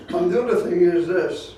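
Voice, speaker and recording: Giving an informal, hands-on club talk, this man explains things at a moderate pace and keeps insistently repeating his safety warnings. His voice sits high with a dark tone. There's a little hiss or hum, and the very echoey room is captured by a distant mic.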